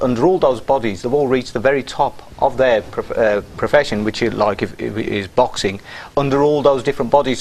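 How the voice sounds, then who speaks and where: A man's voice: mid-range voice, a little mellow. A man conducting a casual interview, chatty and agreeable. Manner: chatty, agreeable, many short affirmations.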